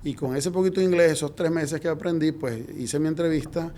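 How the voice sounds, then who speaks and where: A middle-aged man from Venezuela, a guest in an interview, telling his story in a lively way and acting out the dialogue. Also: a little high, brisk, a little hiss or hum. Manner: lively anecdotal, acts out quoted dialogue.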